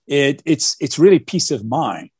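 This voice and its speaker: Very animated but at a measured pace, a Portuguese man with a medium-pitched, husky, darkish voice talks about his life as a guest on a video call. His casual interview answers are earnest, packed with fillers and repeated starts. There is no room sound, and the quality is studio-level.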